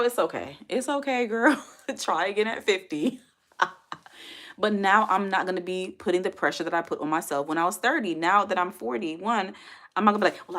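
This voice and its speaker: Chatty and quick to laugh, this livestream host in her forties talks directly to her chat from home, reading out viewers' comments and answering them. Her voice sits on the low side yet has a fairly bright tone.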